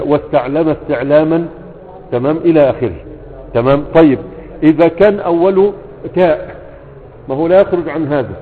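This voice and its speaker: A man with an Egyptian accent gives a grammar lesson in a fairly high voice. He drills verb patterns in slow repetitions and keeps checking that his listeners follow. The sound is thin and phone-like, with a long reverb trailing behind it. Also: a little hiss or hum. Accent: Egyptian Arabic. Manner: repeats verb patterns slowly, asks "تمام؟" to check understanding. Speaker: grammar teacher. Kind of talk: spoken lesson explaining verse on Arabic morphology.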